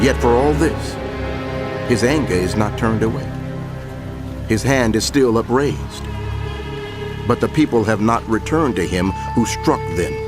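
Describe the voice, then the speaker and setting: Low-voiced man solemnly reading scripture over music. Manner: solemn, declamatory, with deliberate pauses. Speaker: scripture narrator. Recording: music bed under the voice. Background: background music.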